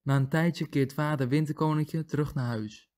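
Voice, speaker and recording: Man calmly reading a fable aloud. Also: fairly high pitch, normal speed. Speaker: language comparison reader.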